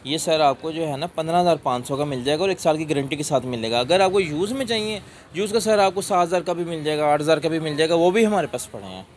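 Polite shopkeeper quoting prices. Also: male voice, a little high, lively intonation, fast talker, hardly any pauses, slight background noise. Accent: Pakistani Punjabi-inflected Urdu. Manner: polite, calls the vlogger "sir ji", lists prices. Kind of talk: sales pitch to a vlogger. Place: tool shop in a market.

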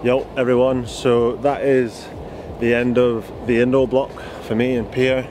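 A young man with a mid-range, level, darkish voice, speaking a little slowly, vlogs casually about his ski training in a chatty, dry, self-deprecating way. He films himself at arm's length on a handheld camera in an indoor ski hall and outdoors by a van and a beach, with music underneath and slight background noise.

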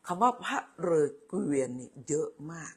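A woman's voice: low voice, sing-song, moderate pace, breathy edge. An older woman hosting a casual livestream, chatting in a motherly way, calling viewers "child" and thanking them by name. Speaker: livestream host.

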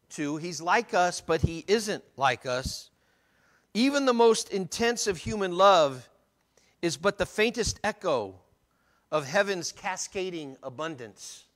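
A male pastor preaching a sermon, moving between quiet, low reading of scripture and loud, emphatic passages, talking loosely and sometimes losing his place. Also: expressive, measured pace. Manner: unscripted, loses his place and asks the congregation.

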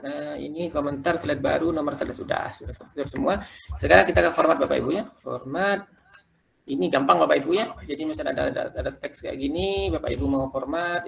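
A man runs a live screen-share tutorial for fellow teachers, explaining in a quick and loose way. His voice sits a little high and carries a heavy gravelly rasp. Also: a bit bright. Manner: quick, loose explaining, keeps addressing listeners as "Bapak Ibu". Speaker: teacher-trainer leading a workshop for teachers.

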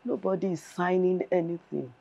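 A woman's voice: lowish voice, steady tone, moderate pace, gravelly, mellow, dull audio, slight background noise. An actress with a Nigerian accent playing a stern, protective mother who scolds her son in a film drama. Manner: scolding, authoritative. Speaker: mother confronting her son over his divorce. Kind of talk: Nollywood film acting.

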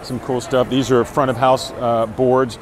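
A Broadway actor in his forties speaks a little slowly, at medium pitch with little pitch movement, while live-streaming on his phone from a street fair. He's casual and upbeat with plenty of fillers. The crowded outdoor city street can be heard through his earbud headset mic, phone held out at arm's length.

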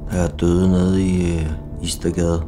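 A middle-aged man telling his own life story in a slow, blunt, confessional way, with bursts of swearing. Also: low-pitched, little pitch movement. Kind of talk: personal testimony narration. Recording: music playing behind.

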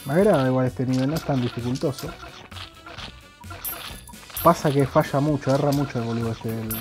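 A man's voice: medium pitch, a little fast, over music. A young man with an Argentine accent giving joking, slangy commentary while playing a video game. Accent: Argentine Spanish. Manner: joking, crude slang banter. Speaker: gaming YouTuber. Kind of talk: gameplay commentary.

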